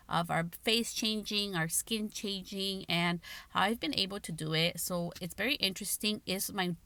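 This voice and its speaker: A podcast host in her late thirties with a Guatemalan Spanish accent talks candidly about personal matters in casual chat, swearing often and dropping plenty of filler "likes." Her mid-range voice is creaky with a sharp tone.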